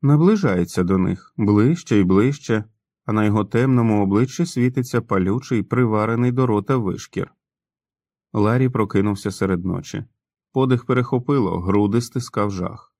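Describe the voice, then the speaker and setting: Low-voiced male audiobook narrator. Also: normal speed, dry recording. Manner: expressive reading with acted dialogue. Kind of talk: scripted narration.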